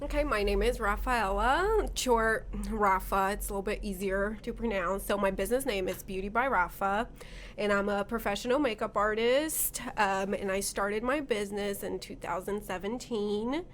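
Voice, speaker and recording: A woman's voice: mid-range voice, normal speed. Podcast guest: woman from Brazil, casual storyteller, talks easily and freely with a faint hum of noise behind her. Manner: chatty, storytelling, frequent "um" and "you know". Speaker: podcast guest, makeup artist. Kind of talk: casual chat.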